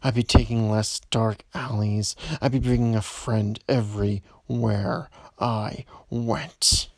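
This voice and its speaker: A man playing a menacing, possessive stalker in an audio roleplay, speaking low and taunting, often dropping to a whisper. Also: steady tone, gravelly, no room sound, exaggerated voice. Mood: threatening. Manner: slow, low, taunting delivery with frequent whispers. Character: menacing adult male stalker, predatory and possessive.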